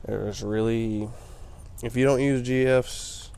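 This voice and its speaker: Gravelly, tired let's-play guy. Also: medium pitch, steady tone, slow pace, darkish tone. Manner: rambling, explanatory, chatty. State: tired, yawning late at night. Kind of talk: casual gameplay commentary.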